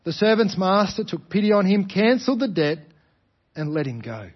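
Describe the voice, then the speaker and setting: An Australian man giving a sermon, explaining a parable with rhetorical questions and deliberate repetition for emphasis. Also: high voice, sing-song, slightly rough, highs cut off. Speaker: preacher.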